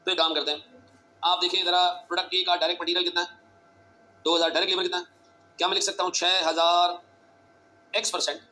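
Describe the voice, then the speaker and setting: A male teacher giving a classroom lecture, talking fast and urgently, repeating phrases and quizzing his students. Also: high-pitched, little pitch movement, bright, forceful tone.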